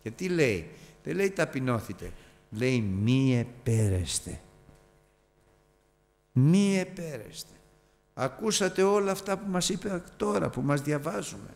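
Gravelly emphatic preacher in a reverberant hall. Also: male voice, a little high. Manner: emphatic, repeating key phrases with sudden drops to near-quiet asides. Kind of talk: Bible study sermon.

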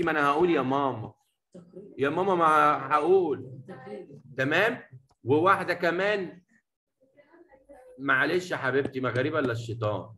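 A man with an Egyptian Arabic accent teaching a poetry lesson in a classroom, talking affectionately to his students and mixing Arabic with slowly read English lines. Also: fairly high pitch, a bit bright, roomy sound, slight background noise, rough recording. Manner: affectionate, addresses students as "habibi" and "baba"; mixes Arabic explanation with slow English reading.

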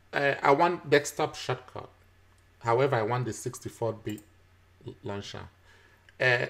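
Speaking at a medium pitch, a man guides viewers through a software tutorial recorded from his screen. He takes each step patiently, laughing softly and using fillers often.

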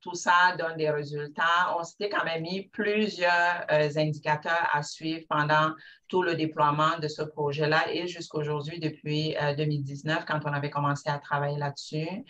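A woman's voice: low voice, little pitch movement, normal speed, a bit bright, recorded from a distance, lo-fi sound. A woman with a Quebec French accent giving a seminar talk about how she manages an operating room, explaining step by step with frequent fillers and restarts. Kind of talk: seminar presentation.

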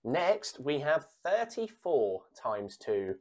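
Reading sums and answers aloud, a woman acts as bingo caller for children learning their times tables. She keeps a very slow, measured pace, her voice rising and falling in lively swings, with a pause ahead of each answer and repeated digits.

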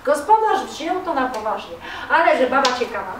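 A woman's voice: high voice, a little fast, background noise. A woman performing folk tales live, chatting directly to the audience. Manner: lively, chatty, addressing the audience. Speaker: storyteller. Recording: echoey room from a distance with audience.

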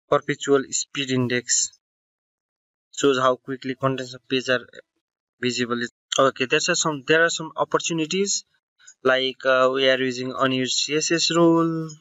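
A man's voice: medium pitch, fairly even intonation, a little slow, pauses often, fairly bright tone, no room sound, muffled recording. A man narrating a screen-recording tech tutorial, explaining step by step with fillers and self-corrections.

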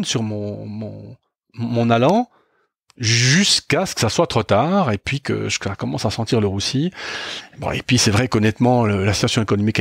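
Gravelly-voiced middle-aged man telling a story. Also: medium pitch, dry recording, clean studio sound. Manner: candid and self-critical, with frequent hesitations and restarts. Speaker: podcast host. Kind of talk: reflective storytelling monologue.

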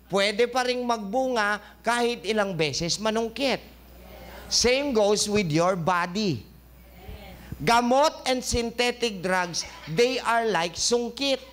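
A man with a fairly high voice leads a lively health lecture in a studio. He jokes as he goes and keeps testing his listeners with quick questions. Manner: joking, quizzing listeners with questions. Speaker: health talk show host and doctor.

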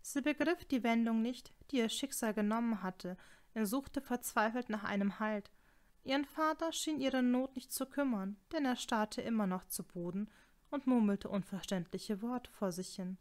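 A woman narrating an audiobook in an even, measured storytelling manner. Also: on the high side. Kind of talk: scripted narration.

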